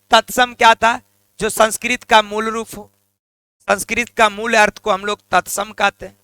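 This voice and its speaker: High, bright-voiced man teaching grammar. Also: clean tone, dry recording. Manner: repeats key terms and prompts students to say them back; colloquial, addresses viewers as lions and lionesses. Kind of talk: exam-prep grammar lesson.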